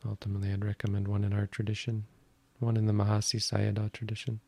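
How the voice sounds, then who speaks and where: A male Buddhist monk with a low, steady voice that barely rises or falls and carries a gravelly rasp. He answers audience questions plainly and frankly, with a dry, self-deprecating wit. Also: fast, dry recording. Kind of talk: live question-and-answer session.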